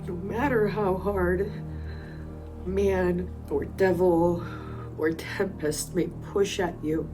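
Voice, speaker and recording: A woman from Colombia sharing a personal faith testimony in a reflective, earnest way, with pauses. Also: lowish voice, steady tone. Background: soft instrumental music.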